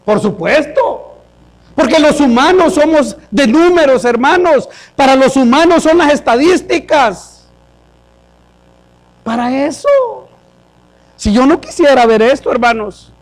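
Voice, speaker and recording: A man's voice: very high-pitched, expressive, measured pace, long pauses. A male pastor preaching a sermon at a church service into a microphone, often questioning the congregation and calling them brothers.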